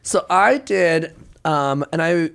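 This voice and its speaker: A drag queen guest on a podcast with a gravelly, smoky voice, talking in a playful, self-mocking way. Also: medium pitch, takes it slowly, fairly bright tone. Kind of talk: casual podcast interview.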